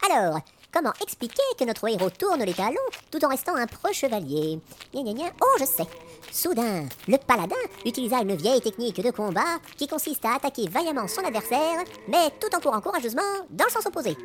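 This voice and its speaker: A woman's voice: a little high, big pitch swings, brisk, a little hiss or hum. A woman as chirpy chronicler Madame Plume.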